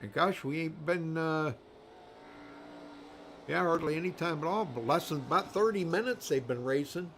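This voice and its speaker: A man's voice: fairly high pitch, normal speed, long pauses, a bit bright, a little hiss or hum. A man doing live race commentary in a rambling, folksy way, full of fillers. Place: commentary booth at a racetrack.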